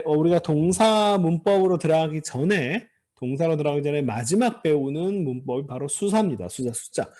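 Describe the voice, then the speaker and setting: A man teaching Hebrew grammar in a lecture, explaining step by step with frequent fillers and restarts. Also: dark tone. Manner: explanatory, many fillers and restarts, pitch swinging widely.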